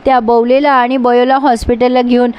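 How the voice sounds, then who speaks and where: A woman's voice: fairly high pitch, flat delivery, normal speed, clean tone, dull audio, natural voice. A woman voicing an exasperated aunt who chides. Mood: chiding.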